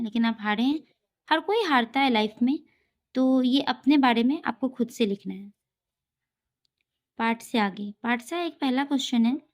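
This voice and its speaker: A woman tutor with a slightly high voice walks through homework answers at an unhurried pace. She reads each question aloud, then explains the answer step by step, like a patient teacher.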